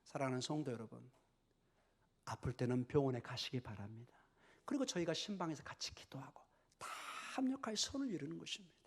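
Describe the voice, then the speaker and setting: A man preaching a sermon as a pastor in a church, telling a story with lively acted-out voices and sudden whispers. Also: medium pitch, brisk, creaky, husky. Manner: animated storytelling, acts out characters, drops to whispers. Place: church sanctuary.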